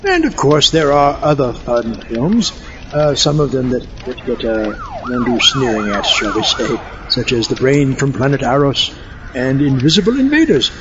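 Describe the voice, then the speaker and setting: In a comic audio drama, a man plays a theatrical mad-scientist doctor who is a fussy, haughty film buff, lecturing in a pompous, wry, wordy and mock-erudite way. His medium-pitched voice swings hugely in pitch at normal speed, with the highs cut off and crowd noise behind him.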